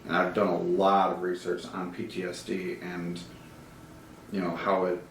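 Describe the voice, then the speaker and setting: Deep-voiced man, laid-back and rambling. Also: completely flat delivery, moderate pace. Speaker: podcast guest, actor. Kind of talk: casual interview chat. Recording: roomy, distant mic with faint hiss.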